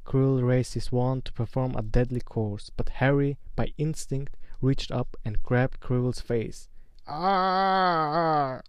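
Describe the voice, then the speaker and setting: A man reading a fantasy novel aloud in a slow, measured, dramatic way. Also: medium pitch, steady tone, warm tone, no echo. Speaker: narrator.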